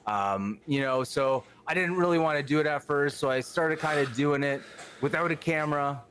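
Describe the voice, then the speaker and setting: A man's voice: a little high, normal speed, a bit bright. A man, chatting as a podcast guest in an outgoing, rambling way. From Canada. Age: 30s. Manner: outgoing, rambling, lots of fillers. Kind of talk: casual chat.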